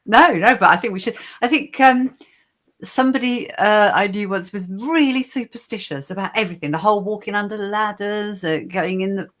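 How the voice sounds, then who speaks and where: A woman's voice: mid-range voice, brisk, fairly bright tone. A woman chatting casually as a guest on an online show, with a playful, teasing manner. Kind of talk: casual chat.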